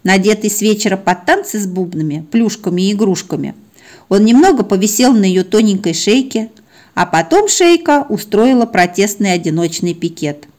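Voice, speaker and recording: A woman reading her own humorous story in the first person, wry and expressive. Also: medium pitch, normal speed. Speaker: narrator.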